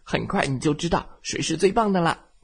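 A man's voice: fairly high pitch, animated, brisk, creaky, slightly rough, pitched above the performer's own voice, full character voice. A man voicing a proud little male truck, a competitive child, in a bedtime storybook, lifting his voice to boast. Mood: confident.

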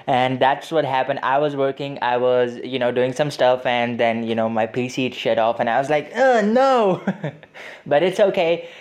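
A man's voice: medium pitch, normal speed, few pauses. Rambling young man hosting a podcast. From Pakistan. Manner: chatty, rambling, many fillers and restarts. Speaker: podcast host. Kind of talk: casual motivational podcast monologue.

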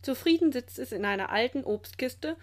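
A woman reading a children's storybook aloud in a lively, clear storytelling manner. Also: high-pitched, normal speed. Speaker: storybook reader.

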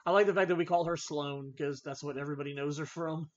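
A man's voice: a little high, steady tone, quick pace. A man hosting a casual movie podcast, ranting animatedly about films he loves and hates. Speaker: podcast host. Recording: slightly dull lo-fi audio.

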